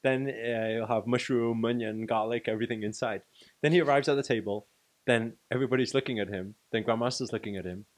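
A man's voice: medium pitch, steady tone, a little fast. A man on a casual podcast telling funny anecdotes between chuckles.

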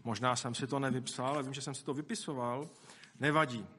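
Bright-voiced male preacher. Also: mid-range voice, fairly even intonation, slight background noise. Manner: conversational, with asides to the congregation; acts out quoted speech. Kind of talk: sermon.

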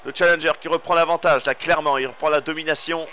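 A man with a French accent giving excited play-by-play commentary over a wrestling video game, rising to shouts on big moves. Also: on the high side, fast talker, slight background noise.

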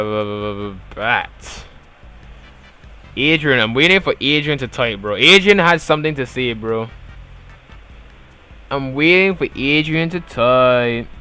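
On a clean recording, a young Bajan gaming livestreamer speaks in a mid-range, fairly bright voice. He's from Barbados and chats casually with viewers on his live game stream, his loose, slangy replies trailing away into mumbles.

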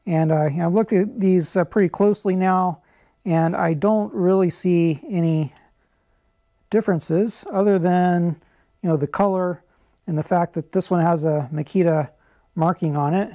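A middle-aged man hosts his channel's repair tutorial from a garage workshop, wearing a lapel mic. His voice sits high and moves at a measured pace, with a relaxed, explanatory style full of "uh" and "um."

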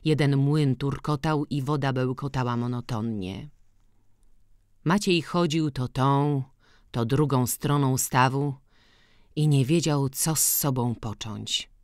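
A woman narrating a classic novel as an audiobook, reading in a slow, measured, even way. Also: rumbling low, no echo, clean studio sound.

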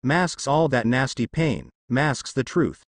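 A man's voice: medium pitch, expressive, slow, no echo, clean studio sound. A man voicing a gloating, menacing male demon who mocks his captives. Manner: taunting, mocking.

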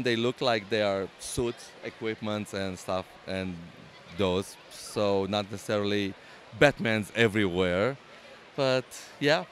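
Interviewed casually in a convention hall, a Romanian-accented man discusses the LEGO build he's exhibiting, hesitating, restarting and filling gaps as he goes. His voice is lowish, and the recording carries a little hiss or hum.

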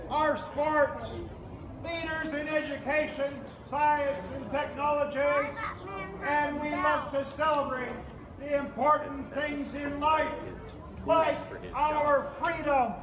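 A man crying out a town crier's proclamation, declaiming in short, drawn-out ceremonial phrases. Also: extremely high pitch, steady tone. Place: outdoor town square before a crowd. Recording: echoey, noisy outdoor recording from far off.

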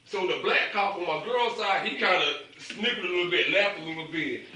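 A man tells a comic story in a high, bright, cutting voice, bursting into loud lines as he acts out each voice. The sound is distant and very echoey, with a faint hiss behind it. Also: moderate pace. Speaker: comedy vlogger telling a story. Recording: echoey room, mic at a distance, faint noise.

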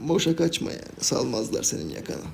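A young man giving casual, jokey live commentary on his own game, swinging from quiet planning to loud, laughing outbursts. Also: mid-range voice, fast, gravelly, a little hiss or hum. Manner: excitable, jokey, shouts and laughs at big plays. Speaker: gaming YouTuber.

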